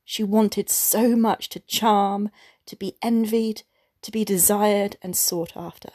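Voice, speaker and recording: Breathy woman reading a story. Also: mid-range voice, fairly even intonation, slow pace, a little mellow, no room sound, clean studio sound. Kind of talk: scripted narration.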